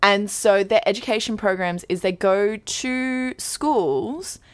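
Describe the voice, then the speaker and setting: Aussie woman cohosting a podcast, smooth clear voice, chatty and keen, dry close sound. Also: medium pitch, slow, dry recording. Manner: chatty, enthusiastic, many fillers. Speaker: podcast co-host. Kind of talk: casual chat.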